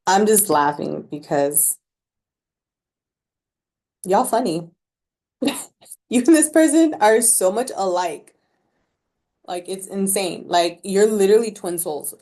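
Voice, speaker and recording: A woman's voice: medium pitch, animated, slow pace, pauses often, darkish tone. A woman giving a casual collective tarot reading to her viewers, chatty and slangy, laughing at her own remarks and filling her talk with "like.". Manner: chatty and slangy, with many "like" fillers. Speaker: tarot reader.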